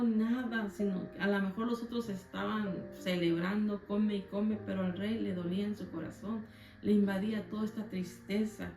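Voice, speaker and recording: A woman's voice: mid-range voice, dark tone. A woman leading a Bible study in earnest, conversational Spanish-language teaching, often restarting her words. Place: church meeting room. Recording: roomy church echo with faint guitar.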